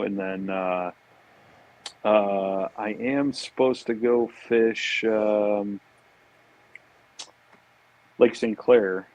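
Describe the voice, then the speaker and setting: A lowish, darkish voice belongs to an American podcast guest who works in fishing industry marketing. He chats casually and informally, laid-back, often repeating agreement words, on a muffled recording.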